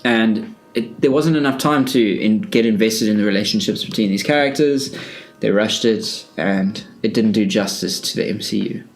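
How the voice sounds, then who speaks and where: A man's voice: on the low side, moderate pace, soft background music, rough recording. A man co-hosting a podcast in casual chat, giving strong opinions and thinking aloud with frequent restarts. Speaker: podcast co-host.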